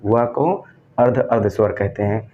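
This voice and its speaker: A man's voice: on the low side, steady tone, normal speed. A man teaching an exam-prep grammar lesson, asking questions and answering them himself and repeating key terms. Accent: Hindi, from northern India. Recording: dull lo-fi recording with faint background noise.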